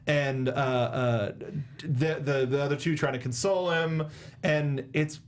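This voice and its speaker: In a small indoor talk-show studio, a young adult man co-hosts a casual movie podcast, talking in a halting, emphatic manner at medium pitch with fairly even intonation. He uses a studio microphone with a red windscreen and monitors on a headset, and the background noise comes through clearly.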